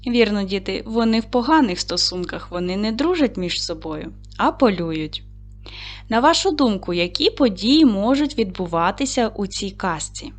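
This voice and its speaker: A woman teacher giving a reading lesson to young children, with a clear, encouraging manner that leads them through questions. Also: mid-range voice. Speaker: primary school teacher.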